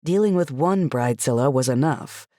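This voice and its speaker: Animated woman narrating a cozy mystery. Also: rumbling low, moderate pace, dry recording, clean studio sound. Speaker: audiobook narrator. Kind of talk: cozy mystery narrator, first-person scripted storytelling.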